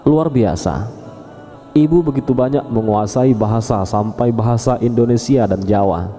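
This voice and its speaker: A man voicing a polite, measured traveling scholar. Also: mid-range voice, warm tone, long reverb tail, faint music behind, close to an everyday voice. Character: polite traveling male religious teacher.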